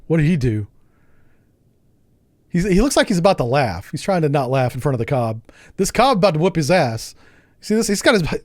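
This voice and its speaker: A man streaming a game, chatting casually with his viewers, joking, laughing often and thinking out loud. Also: a little high, no room sound, clean studio sound. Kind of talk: casual live gameplay commentary.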